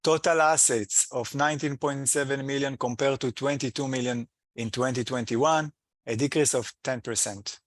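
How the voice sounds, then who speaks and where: A male executive reports the company's financial figures on an earnings call in a hesitant, halting way, with phrasing that's a bit non-native. His pitch is medium, his intonation fairly even, and the recording dry.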